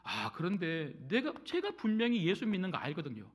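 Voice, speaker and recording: Lively high-pitched Korean pastor preaching. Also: male voice, brisk. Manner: animated storytelling, addresses congregation directly. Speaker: senior pastor. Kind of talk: sermon with personal story. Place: church sanctuary.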